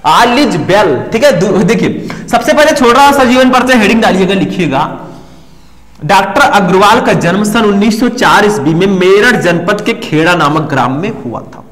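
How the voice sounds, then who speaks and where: A man's voice: high voice, animated, moderate pace, fairly bright tone. A man teaching an exam-prep lesson, talking straight to his students in a chatty way and now and then singing a line. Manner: chatty, addresses students directly, breaks into sung lines. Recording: echoey room with long reverb.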